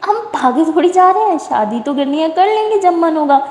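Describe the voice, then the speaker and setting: A woman voicing an affectionate young woman who calms and teases her partner in a soothing way. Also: extremely high pitch, pitched above the performer's own voice. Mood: soothing, teasing. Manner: soothing, teasing. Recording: echoey room with long reverb.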